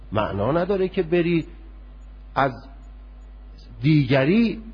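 A man giving a seminary law lecture, arguing through hypothetical court cases in a lively, questioning way. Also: on the high side, husky, dull audio. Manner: argumentative, poses hypothetical cases. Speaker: religious law teacher.

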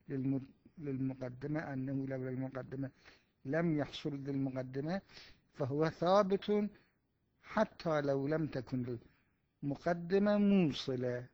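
Man lecturing slowly on religious law. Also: medium pitch. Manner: deliberate, with pauses and self-corrections. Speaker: seminary teacher. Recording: muffled dry recording.

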